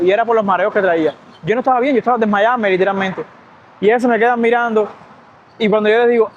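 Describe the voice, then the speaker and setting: A man's voice: sits high, lo-fi sound, a little hiss or hum. A young man with a Cuban accent, a doctor telling a storytime vlog while walking outdoors by a street. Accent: Cuban Spanish. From Cuba. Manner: fast, lively storytelling. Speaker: doctor and vlogger.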